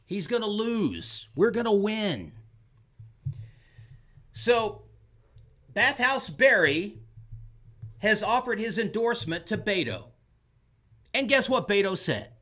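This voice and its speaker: A man's voice: high-pitched, sing-song, slow pace, long pauses, bright, forceful tone. A man from Oklahoma, hosting a show and delivering an opinionated political monologue with emphatic, repeated lines. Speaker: show host.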